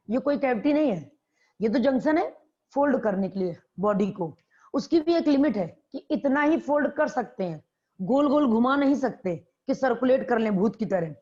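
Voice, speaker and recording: A woman's voice: fairly high pitch, darkish tone. Woman biology teacher with a dull lo-fi sound. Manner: repeats key terms and quizzes students. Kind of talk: classroom lecture. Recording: dull lo-fi classroom recording.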